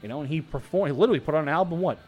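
A man's voice: on the high side, very fast, darkish tone, soft background music. A man with a Boston accent hosting a radio show in casual, jokey banter, rambling and repeating words, with some swearing.

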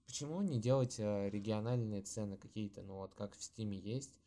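A man's voice: on the low side, a little fast, dark tone. A man with a nasal, stuffy-nosed voice chatting casually as a podcast co-host, swearing now and then.

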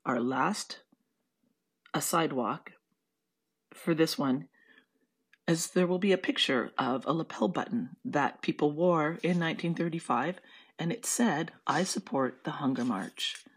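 A husky-voiced guide narrates a walking tour. The pitch sits in the middle, and the delivery is informal and a little halting, drifting into chatty asides.

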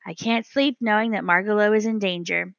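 A woman's voice: medium pitch, fairly even intonation, brisk, vocal fry, fairly bright tone, no echo, dull audio. A woman voicing a small, brave boy mouse with a sore throat, earnest and caring. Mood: determined. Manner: earnest, solicitous.

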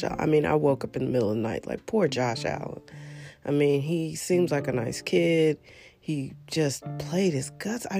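This solo podcast host is a woman with a low-pitched, warm voice, chatting casually about football. She rambles and stresses her points, sounding congested with the odd cough.

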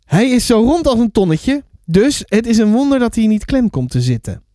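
A man reading a children's book aloud for a podcast, lively and stumbling now and then over words. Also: very high-pitched, normal speed, dry recording, studio quality. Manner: lively, with fillers and self-corrections.

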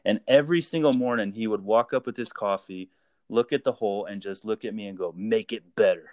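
Low-voiced man telling army stories. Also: brisk, no room sound, studio quality. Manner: lively anecdote-telling, acting out quoted dialogue; relaxed and profane, with frequent fillers. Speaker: guest; army veteran. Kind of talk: casual spoken storytelling.

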